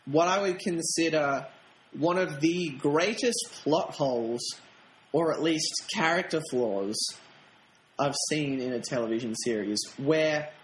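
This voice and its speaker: A man co-hosts a casual podcast, talking in a wry, rambling manner and laughing often. His voice sits a little high, and it rings in a roomy space with a faint hiss underneath. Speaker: podcast co-host. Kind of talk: casual review chat. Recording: roomy echo, faint noise.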